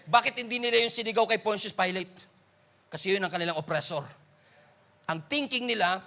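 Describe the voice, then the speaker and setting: Mixing Tagalog with English, a Filipino-accented pastor delivers a sermon with vocal fry, shifting between booming exclamations and hushed passages.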